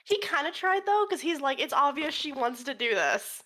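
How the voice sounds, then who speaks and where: Woman, casual voice chat, foul-mouthed, playful, high voice, very lively pitch. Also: normal speed, a little hiss or hum. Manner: swears freely, excitable and playful. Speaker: tabletop game player. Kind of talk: casual chat during a game break.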